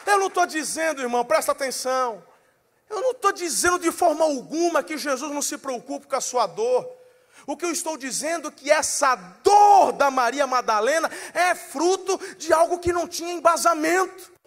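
High-pitched male preacher, theatrical sermon delivery, bursts into shouting. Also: expressive, moderate pace. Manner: dramatic, acts out scenes with voices, shouting at peaks.

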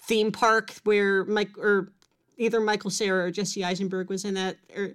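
A woman's voice: mid-range voice, level tone, normal speed. A woman with an upstate New York accent who drops off word endings, chatting casually as a podcast co-host. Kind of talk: casual chat.

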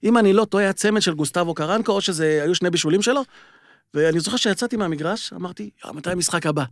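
A man on a sports podcast, telling animated stories in a casual chat. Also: high voice, no echo, clean studio sound. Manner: animated storyteller. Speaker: podcast panelist.

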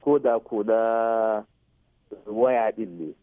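A man's voice: lowish voice, little pitch movement, takes it slowly, no echo. A man with a Nigerian Hausa accent explaining things as an expert radio guest, mixing in English technical terms and checking that the listener follows. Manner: checks listener follows with short tag questions. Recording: muffled phone-like radio sound.

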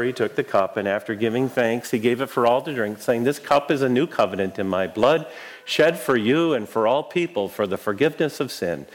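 A man speaking as a Lutheran pastor, leading prayers and liturgy in a measured, solemn, formal way. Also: mid-range voice, rough recording.

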